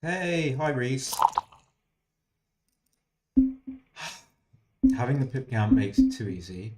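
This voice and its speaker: Over heavy background noise, a mid-range male voice moves a little fast. Seated at a desk mic, he streams an online backgammon match, making casual, dry, self-mocking remarks and murmuring his thinking aloud to himself.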